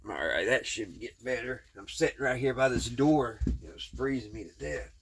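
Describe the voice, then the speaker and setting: Working with his hands on his hobby repair channel, this host from Kentucky talks to viewers in a casual, plain, rambling, folksy way with a Kentucky Southern accent. He has a medium-pitched voice at a moderate pace, and the recording carries a little hiss or hum.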